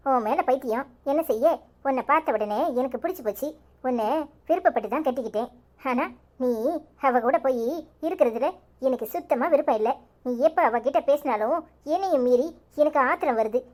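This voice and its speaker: A woman voicing a jealous young wife in a cartoon comedy, with a Tirunelveli Tamil accent. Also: sits high. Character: jealous young wife Anitha, feverish and pleading. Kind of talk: village cartoon drama.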